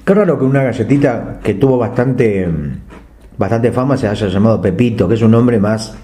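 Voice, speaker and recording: Deadpan man in echoey room. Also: lowish voice, moderate pace. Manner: deadpan absurd humor. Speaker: podcast co-host. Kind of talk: casual banter. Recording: echoey room with faint noise.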